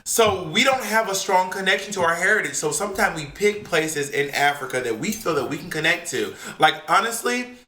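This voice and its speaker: Bright-voiced man, animated and profane. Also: sits high, brisk, hardly any pauses. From United States. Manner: animated, profane, acts out quoted people. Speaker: podcast co-host. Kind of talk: casual chat. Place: home in California, remote call. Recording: echoey room.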